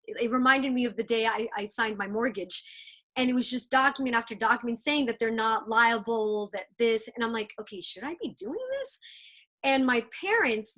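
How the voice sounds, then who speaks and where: Over a video call, a woman hosts a casual interview, chatting eagerly and telling stories as an enthusiastic, talkative storyteller. Her voice is on the high side with a fairly bright tone.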